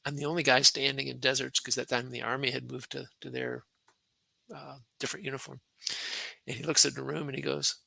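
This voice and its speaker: Man in his 60s, retired colonel, podcast guest, bright forceful tone, dry close sound, animated storytelling. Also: medium pitch, vocal fry, dry recording, low-quality recording. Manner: animated anecdotes with laughs and acted-out quotes. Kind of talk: conversational war storytelling.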